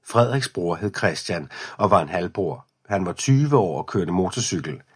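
Male narrator for a children's audiobook, deep-voiced, a bit husky, steady delivery. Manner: even storytelling.

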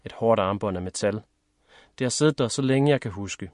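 Man, low voice, first-person story narration, measured and steady, dry close sound. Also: no room sound. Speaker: audiobook narrator.

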